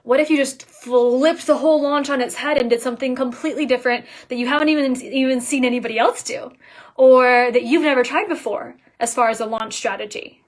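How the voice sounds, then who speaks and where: A woman coach giving a casual live talk, energetic and emphatic, dropping at times to soft, near-whispered lines. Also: high-pitched, fairly quick. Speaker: business coach.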